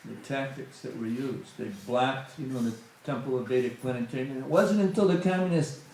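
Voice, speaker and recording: Recorded in a very echoey temple hall with a little hiss or hum, a middle-aged man gives a conversational spiritual talk as a satsang guest, full of "you know" asides. His medium-pitched voice is brisk, creaky and a bit mellow.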